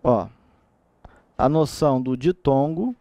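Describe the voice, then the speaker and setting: Taking it slowly in a medium-pitched voice, a Brazilian Portuguese-accented teacher lectures on grammar for exam prep. He's lively, throws out rhetorical questions, and often checks with his class via "tá?", in a dry recording.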